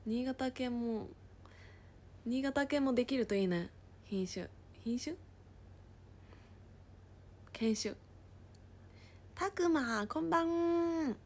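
A woman casually chatting on a livestream, reading viewer comments aloud and often dropping into a soft whisper. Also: high voice, slow, pauses often. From Japan.

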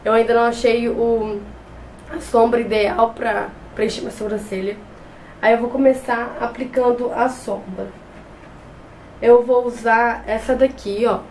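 She's a young adult beauty vlogger who has a cold, with a slightly high, steady, a little mellow voice and an unhurried pace. Slight background noise marks the low-quality recording. Sitting in a small bedroom with shelves and a clothes rack, she talks close to the camera in front of her through a makeup tutorial, often restarting words.

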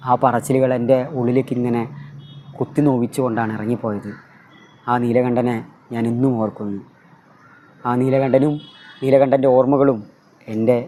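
Man, Malayali accent, emotive lesson storytelling, warm dark tone, faint background noise. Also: medium pitch. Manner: emotive storytelling with many filler sounds. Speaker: teacher. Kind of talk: retelling a textbook story for a class.

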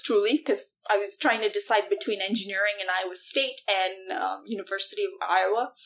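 In an in-person interview, a Malaysian startup CEO in her thirties talks through her ideas with many fillers and easy laughter. Her voice is mid-range, and the recording is rough.

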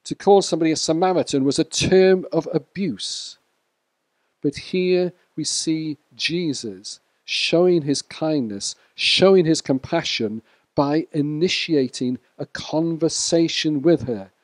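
A male preacher gives a sermon in a church, speaking slowly and in a measured way. His voice sits fairly high for a man. The sound is dry and close, with little room echo. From Wales. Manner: measured, speaks to the congregation by name.

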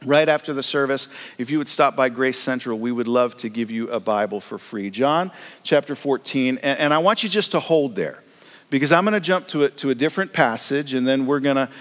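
A man preaching a sermon as pastor, in a relaxed, storytelling way with frequent restarts. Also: mid-range voice, brisk, long reverb tail.

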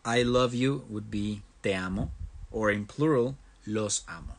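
Husky man on a phone livestream. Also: on the low side, slow pace. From Mexico. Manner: reads viewer comments aloud and answers them in turns; switches between Spanish and English. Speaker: livestream host. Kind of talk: casual livestream chat.

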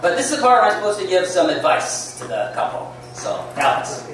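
A man's voice: high voice, wildly swooping pitch, brisk. A middle-aged man giving a father-of-the-bride wedding toast, joking and laughing at his own lines. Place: large indoor reception hall. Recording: echoey hall from far off, noisy.

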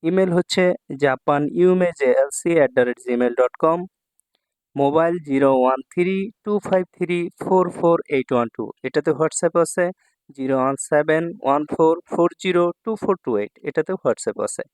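A man's voice: on the high side, moderate pace, darkish tone, smooth, no room sound. A man from Bangladesh teaching Japanese kanji in a lesson, repeating words and checking in with his students often. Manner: repeats words and asks "ঠিক আছে?" often.

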